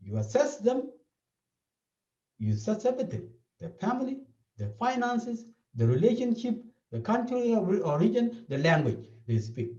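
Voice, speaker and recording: A South Sudanese man, working as a therapist, is interviewed and explains his points earnestly, often repeating them, in a South Sudanese accent. His voice sits high and sing-song, with a dark tone at a moderate pace. The recording sounds dull, echoey and distant.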